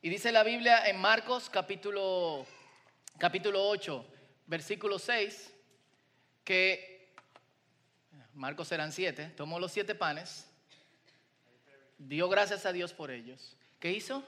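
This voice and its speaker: A man's voice: sits high, takes it slowly, long pauses, pushed and bright, big-room sound. A man preaching a sermon in a conversational way, asking the congregation questions.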